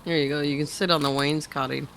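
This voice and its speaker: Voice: mid-range voice, flat delivery, fast, gravelly, a bit bright, slight background noise. A co-player joking through a multiplayer game and thanking viewers at the end. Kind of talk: casual gaming chat.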